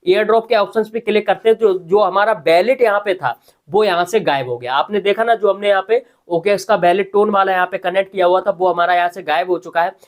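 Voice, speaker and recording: A man's voice: high voice, fast talker. A man, talking casually as host of a tutorial voice-over, often adding "ठीक है". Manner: conversational, repeats filler "ठीक है". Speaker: crypto news host. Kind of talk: screen-recorded tutorial voice-over.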